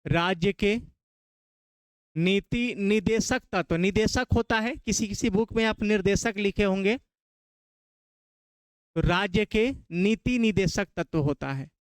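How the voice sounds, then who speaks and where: A man's voice: high-pitched, measured pace, long pauses, clean tone, no echo. A man from Bihar with a Bihari Hindi accent, teaching a classroom lecture, quizzing his students and repeating key terms.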